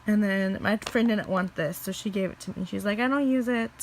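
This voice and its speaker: A young woman from Missouri in the American Midwest vlogs casually about her makeup collection from her bedroom. Her voice sits at medium pitch and moves fairly quickly, a little scratchy from allergies. She's chatty and rambling, with small restarts along the way.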